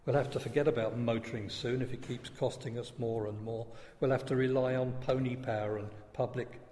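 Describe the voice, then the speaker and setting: A man reading the lines of a brisk, stern middle-aged mother, heard with long reverb. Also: medium pitch, steady tone, mellow, close to an everyday voice. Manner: brisk, commanding.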